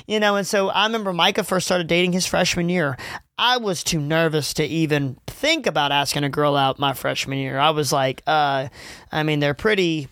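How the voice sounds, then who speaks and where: Young male podcast host, higher voice, dry close mic; earnest, rambling, faith-focused chat. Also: fairly bright tone, clean tone, dry recording. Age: 20s. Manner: earnest, rambling, many fillers and restarts.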